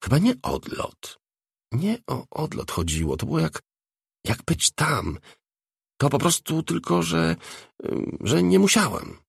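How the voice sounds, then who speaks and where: A man reading the part of a young woman, a worn-out star back from addiction, with a tired, blunt, quietly defiant manner. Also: on the high side, huge pitch swings, unhurried, vocal fry, pauses often, husky, no room sound, clean studio sound, voice pushed up, exaggerated voice. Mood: halting.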